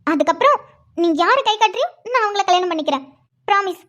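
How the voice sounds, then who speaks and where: A tearful younger sister from a cartoon. Her voice is very high-pitched, and she pleads as she talks. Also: animated, fast, fairly bright tone, highs cut off. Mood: pleading. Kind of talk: cartoon voice acting.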